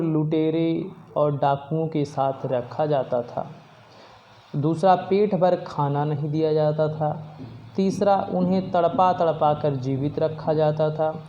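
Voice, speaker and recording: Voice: mid-range voice, warm tone, dull audio, slight background noise. A teacher explaining a poem verse by verse, paraphrasing each line and dictating worksheet answers for students to write down.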